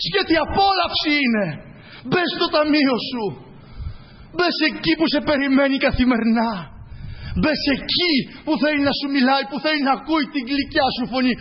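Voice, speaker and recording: A man preaching a sermon with fervent, repeating phrases and frequent hallelujahs, his voice hoarse. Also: very high-pitched, in a large hall, highs cut off.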